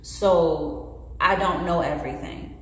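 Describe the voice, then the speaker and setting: Speaking slowly in a lowish voice, a vlogger in her late twenties shares personal thoughts with the camera, earnest and expressive as her hands gesture. The bare indoor room around her is very echoey, with a long reverb.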